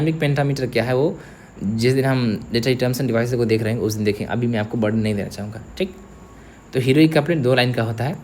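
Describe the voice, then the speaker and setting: Speaking at a medium pitch over slight background noise, a young man leads a literature lecture aimed at exam prep. He walks through ideas step by step, frequently checking in with students using "theek hai."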